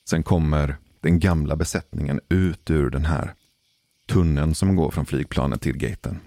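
A man telling a personal story in a casual, measured way, pausing for suspense. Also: a bass voice, gravelly, mellow, no echo. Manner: measured, deliberate pauses for suspense. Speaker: podcast storyteller.

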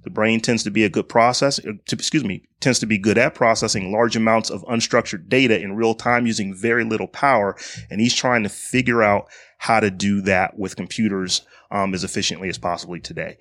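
Low-voiced man, dry close podcast sound. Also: fairly even intonation, a little fast, fairly bright tone, no echo. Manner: reads notes aloud, then riffs with slang and asides. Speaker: podcast host. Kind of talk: casual podcast chat, reading a spotlight segment.

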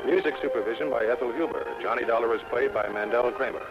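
A man's voice: medium pitch, fast talker. A man announcing scripted credits for a 1960s radio programme in a polished, formal delivery. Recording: muffled old radio broadcast with music.

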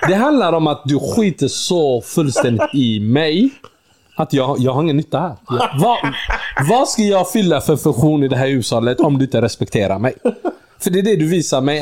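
A man co-hosting a casual podcast chat, acting out a scene he imagines and laughing as he goes. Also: mid-range voice. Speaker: podcast co-host.

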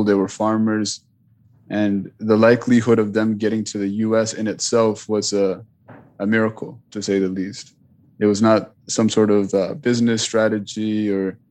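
A man from Richmond, Virginia, US, whose first language was Punjabi, reflects on his memories as an interview guest. His low, fairly flat voice is thoughtful, with frequent pauses, restarts and fillers as he thinks aloud.

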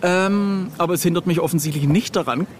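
A middle-aged man with a high voice chats casually as an interview guest, speaking fairly quickly with slight background noise. He tells anecdotes in a jokey, self-deprecating way.

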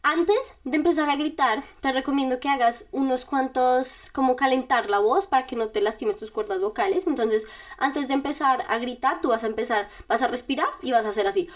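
A woman's voice: high-pitched, a little fast. A woman podcast host giving casual step-by-step self-help directions, speaking straight to the listener in a chatty, informal way. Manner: chatty and informal, with little laughs.

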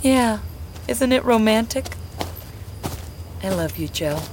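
An actress playing an excitable, romantic wife, gushing and enthusiastic. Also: female voice, fairly high pitch, takes it slowly, noisy background.

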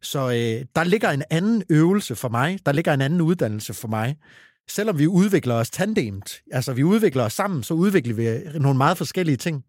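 A man's voice: fairly high pitch, lively intonation, a little mellow, no echo, clean studio sound. A man co-hosting a podcast, speaking reflectively and a bit hesitantly about his own development. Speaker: podcast co-host. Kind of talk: casual podcast conversation.

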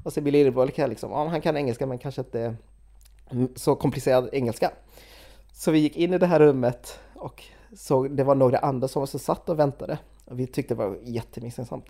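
A young woman casually retelling a travel story, animated, quoting people with lots of fillers. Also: a bass voice, vocal fry. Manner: animated retelling with quoted voices and frequent fillers.

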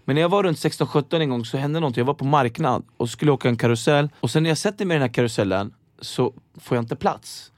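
A young man telling lively stories in casual chat, acting out the people in them. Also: medium pitch, few pauses, no echo, clean studio sound. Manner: animated, acts out voices in his anecdotes. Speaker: guest.

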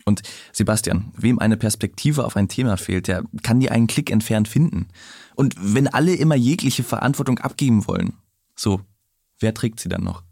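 An actor playing a journalist who argues in a composed, assured way in a podcast interview of an audio drama. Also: male voice, on the low side, moderate pace, vocal fry, warm tone, no echo, studio quality. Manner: composed, argumentative. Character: journalist defending his publisher.

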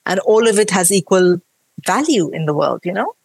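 As a podcast guest, this Indian woman talks in an earnest, reflective way, her accent a mix of British with Mumbai, Bangalore and Kerala Indian. Her medium-pitched voice is expressive, darkish and slightly rough with vocal fry, moving at a moderate pace with no room sound.

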